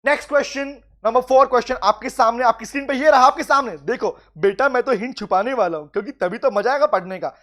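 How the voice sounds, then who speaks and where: Indian man, law teacher, online class, reads questions slowly, explains warmly. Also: extremely high pitch. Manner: addresses students as "beta", mixes Hindi and English, reads questions aloud slowly. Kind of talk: live online class lecture.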